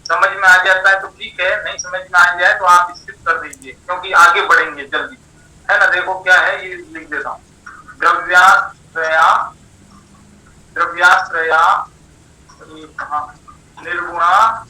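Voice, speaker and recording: Male lecturer, bright high voice, slow patient explainer, distant roomy mic. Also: steady tone. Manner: slow, explanatory, repeats definitions, asks rhetorical questions. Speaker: teacher. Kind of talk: philosophy lecture.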